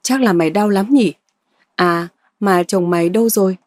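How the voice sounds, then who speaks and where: A woman's voice: medium pitch, normal speed, no room sound, studio quality, lightly acted. A woman voicing an arrogant, spoiled young woman who sneers and taunts. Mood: sneering.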